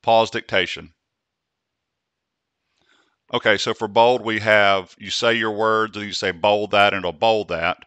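A man hosts a software tutorial, speaking slowly and deliberately as he demonstrates commands. His voice sits low yet comes through bright and crisp. It is recorded close and dry, with no room sound. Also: fairly even intonation, no echo, lo-fi sound. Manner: slow, deliberate speech for demonstrating dictation commands.

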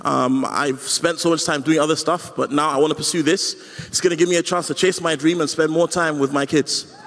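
A man's voice: a little high, steady tone, fairly quick, a bit bright, slight background noise. A man in his thirties with a South London accent, speaking as a stand-up comedian. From Croydon, South London. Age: 30s. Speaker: stand-up comedian, talent show contestant. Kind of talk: talking about himself and performing stand-up. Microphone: handheld stage mic in parts.

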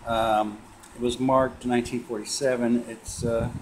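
A man showing off his coin purchases in a casual vlog, relaxed and rambling, with lots of filler sounds. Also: mid-range voice, unhurried. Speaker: coin collecting vlogger. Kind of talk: casual show-and-tell vlog. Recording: noisy home video recording.

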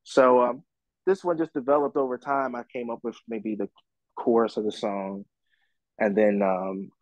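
A musician man answering interview questions casually, relaxed and rambling with many fillers and restarts. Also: mid-range voice, moderate pace, dry recording, muffled recording. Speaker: musician guest.

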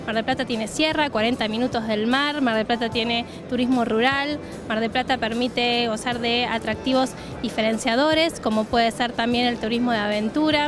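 A woman in her thirties, a city tourism official with an Argentine Rioplatense accent, answers interview questions at a trade fair stand through a handheld reporter mic. Her voice runs fairly high, and she fluently reels off promotional points, often slipping in "eh" as a filler.

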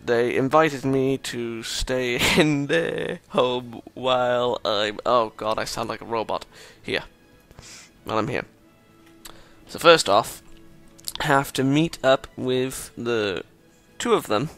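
A man's voice: medium pitch, slow, creaky, fairly bright tone, faint music behind. A man reading a visual novel aloud with commentary and sarcastic, self-mocking asides. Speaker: gameplay commentator.

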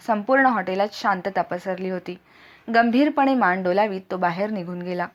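A woman reading a first-person audiobook aloud with expressive, dramatic storytelling. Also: medium pitch. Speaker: audiobook narrator.

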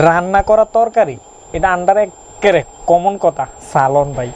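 A man's voice: high-pitched, animated, moderate pace, darkish tone, muffled recording, slight background noise. A young man from Chittagong with a Chittagong Bengali accent, chatting casually in a vlog and joking about his regional words while quizzing the viewer. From Chittagong region of Bangladesh. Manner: playful, jokey, asks the viewer questions. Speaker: YouTuber.

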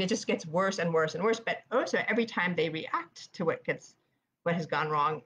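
A woman with a New York accent, an author giving a chatty live-streamed presentation with writing tips. She talks fast, with many fillers like "um" and "like.". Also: low voice, dull audio.

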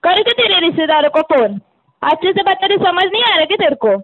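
Woman, loan collection caller, over the phone, pushy, cuts in, high voice. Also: expressive, rapid-fire, no room sound. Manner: pushy, talks over the other person. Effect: heard over a phone line. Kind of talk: heated phone call. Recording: tinny phone-line recording.

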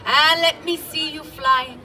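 A woman's voice: high-pitched, fairly even intonation, slow pace, bright, forceful tone. A woman presenting a live children's show, coaxing the kids in a cheery call-and-response way. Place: outdoor farm show stage. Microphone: filmed from audience at a distance. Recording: distant audience-filmed live show. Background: crowd of children and music.

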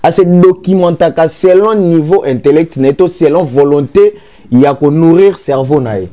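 A man's voice: a little high, normal speed, mellow. A young man from Congo giving a gesturing critique on a TV studio talk show, switching between Lingala and French. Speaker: commentator. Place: TV studio with grey sofa.

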